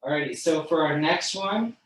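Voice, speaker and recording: A man leading an online stretching class, casual and encouraging, counting each hold out loud. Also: fairly high pitch, lively intonation, normal speed, distant mic, slight background noise. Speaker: fitness instructor. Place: room, moving away from the mic while standing. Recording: echoey room, voice from off the mic.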